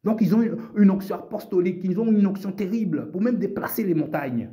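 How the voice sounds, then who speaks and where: A man's voice: high voice, brisk, mellow. A man preaching a sermon, insistent and repetitive, addressing his listeners directly as brothers and sisters.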